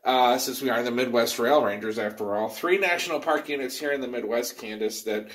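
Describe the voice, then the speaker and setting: A man's voice: mid-range voice, a little fast, fairly bright tone. A man hosting a casual live virtual program from underground in a mine, talking in a folksy, rambling way. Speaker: host and president of a rail education group.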